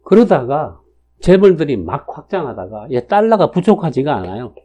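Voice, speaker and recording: Lecturing casually on national fortune cycles, this man in his 60s has a fairly high, warm voice, very animated, at a moderate pace. He chats along with frequent fillers and tag questions, captured in a dull lo-fi recording.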